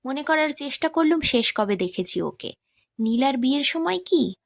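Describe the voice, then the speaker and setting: A woman narrating a literary short story as an audiobook, in a measured, expressive reading. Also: sits high, gravelly, dry recording, clean studio sound.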